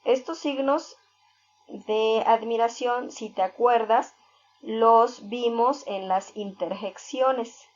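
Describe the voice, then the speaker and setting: A woman teacher walks through a lesson at a slow, unhurried pace, explaining patiently step by step with worked examples. The recording is dull and lo-fi. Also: fairly high pitch, a little mellow. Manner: fills pauses with "este". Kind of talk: recorded reading-skills lesson.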